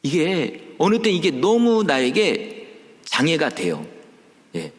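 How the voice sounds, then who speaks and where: Animated male pastor in a reverberant sanctuary. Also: a little high, slow pace. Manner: animated preaching, acting out quoted voices, rhetorical questions. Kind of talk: sermon. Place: church sanctuary. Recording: long church hall reverb.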